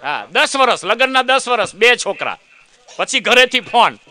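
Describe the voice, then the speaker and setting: A man's voice: very high-pitched, big pitch swings, measured pace, pushed and bright. A man doing a comic monologue, telling a chatty story, acting out other people's lines and teasing the audience. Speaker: comedian.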